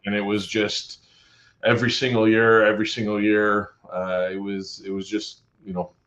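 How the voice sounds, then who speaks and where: A man's voice: fairly low pitch, level tone, moderate pace, a bit bright. A middle-aged Canadian man talking casually as a podcast guest, rambling and full of restarts and fillers. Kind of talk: casual conversation. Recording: dull lo-fi sound.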